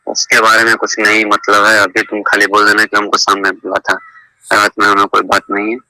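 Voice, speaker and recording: A man's voice: fairly low pitch, monotone, a little fast, pushed and bright, no room sound. A man on a private phone call, insistently coaching the other person on what to say.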